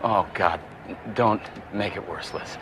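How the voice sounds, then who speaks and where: A preachy, low-voiced husband. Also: male voice, takes it slowly, vocal fry, full character voice. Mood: earnest. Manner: earnest, preachy. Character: earnest, preachy pro-life husband. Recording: film soundtrack with steady background noise.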